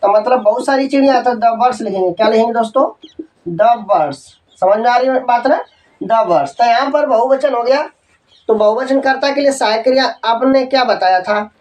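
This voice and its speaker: A man teaching an English grammar lesson, dictating example sentences slowly, spelling words letter by letter and checking that students follow. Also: extremely high pitch, a little mellow, distant mic, rough recording. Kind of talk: Hindi-medium grammar lesson.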